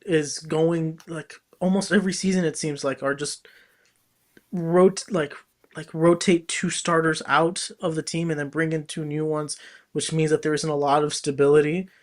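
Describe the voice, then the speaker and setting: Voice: medium pitch, little pitch movement, moderate pace. A co-host on a casual soccer talk show, chatty and full of "like" fillers.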